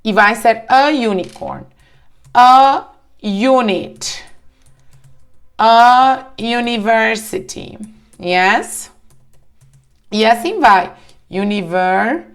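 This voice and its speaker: A woman teaching English grammar in a slow, deliberate way, often checking in with the listener. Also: fairly high pitch, animated. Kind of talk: online grammar lesson in Portuguese.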